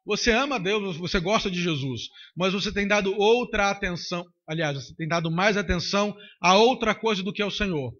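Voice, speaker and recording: A man's voice: high voice, fairly quick, hardly any pauses, fairly bright tone. A man preaching a sermon into a handheld microphone, emphatic and repetitive. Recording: dull lo-fi recording.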